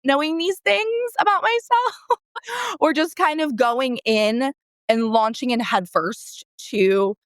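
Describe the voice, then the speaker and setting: This therapist guest, an American woman in her early thirties from San Diego, California, speaks in a high-pitched voice at a slow pace during a casual interview. She rambles, self-corrects and repeats words for emphasis. No room sound is audible.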